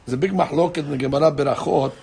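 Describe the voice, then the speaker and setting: A middle-aged man teaching a Talmud class in an animated way, repeating words and acting out the people he quotes. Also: fairly high pitch, racing, gravelly, slight background noise. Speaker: Torah teacher.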